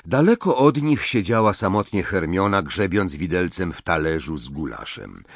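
A man narrating a novel in an expressive storytelling manner, switching into many voices. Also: low voice, normal speed, creaky, dry recording. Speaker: audiobook narrator.

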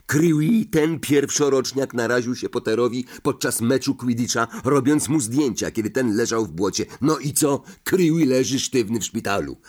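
A man's voice: medium pitch, moderate pace, few pauses, darkish tone, voice pushed up, natural voice. A man voicing a self-important, nervous schoolboy who talks in an earnest, conspiratorial way. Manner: earnest, conspiratorial, drops to a whisper.

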